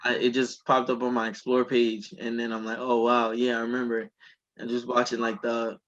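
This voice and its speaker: A young man on a podcast recording that sounds dull and lo-fi, talking loosely with friends. His pitch sits in the middle, and he keeps breaking into laughter as he retells clips. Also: monotone, normal speed, a bit bright. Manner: laughs often while retelling funny clips. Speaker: podcast co-host. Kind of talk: casual chat.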